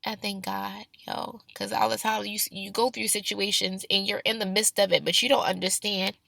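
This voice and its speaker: Woman, forceful higher voice, close dry sound; upbeat youth-pastor exhortation, informal personal testimony straight to the listener. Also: level tone, moderate pace, vocal fry, no echo. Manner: informal, direct address to listeners. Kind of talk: personal faith testimony to camera.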